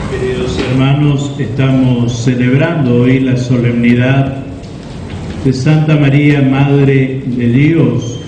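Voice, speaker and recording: A man preaching a homily in a deliberate, didactic way, pausing between phrases as he explains. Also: mid-range voice, fairly even intonation. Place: large reverberant church. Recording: echoey church hall, slightly muffled, faint noise.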